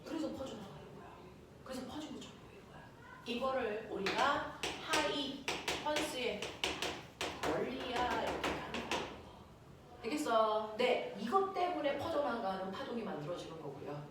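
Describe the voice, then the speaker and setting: A woman teacher giving a lively physics lecture, often checking that her students follow along. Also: fairly high pitch, normal speed. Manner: animated, keeps checking in with students. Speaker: science teacher. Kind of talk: classroom lecture. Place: classroom. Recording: echoey room from far off, faint noise.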